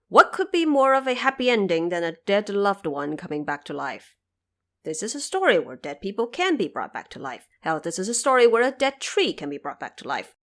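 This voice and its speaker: A woman hosting a podcast delivers scripted explanatory narration, articulate and pointedly emphatic. Her voice is medium in pitch with a fairly bright tone.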